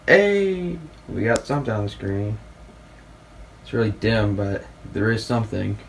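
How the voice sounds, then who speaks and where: A man hosting a casual tech video, thinking aloud as he unpacks old software and gets an old computer ready. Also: on the low side, a little slow, creaky. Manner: rambling, hesitant, thinking aloud. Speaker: tech hobbyist host. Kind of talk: casual commentary while unboxing and building a PC. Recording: noisy home recording.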